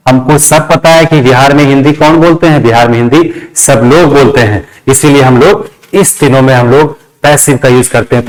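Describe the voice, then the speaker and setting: A man with a mid-range voice and a Bihari Indian accent teaches a grammar lesson step by step, repeating phrases and dictating word by word. He often checks in with short questions, and the audio quality is poor.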